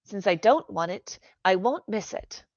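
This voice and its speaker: A woman voicing a brisk, kind and stubborn young noble girl, talking in a firm, proper way. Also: mid-range voice, lively intonation, a little mellow, no room sound. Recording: dry, dull lo-fi recording.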